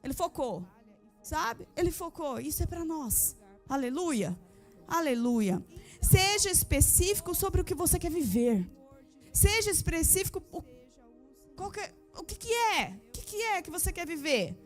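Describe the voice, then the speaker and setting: A woman's voice: extremely high pitch, big pitch swings, a little slow, soft background music. A woman pastor preaching a sermon to a church congregation, driving her points home with repeated phrases and rhetorical questions. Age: adult with a daughter. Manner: addresses the women of the congregation directly. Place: church service.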